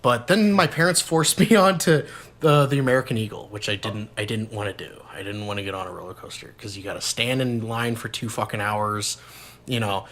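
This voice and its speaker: A young man, a podcast host, telling a story in casual chat, animated and swearing, breaking into high shouts when he quotes someone. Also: brisk. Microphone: podcast mic, low-quality audio.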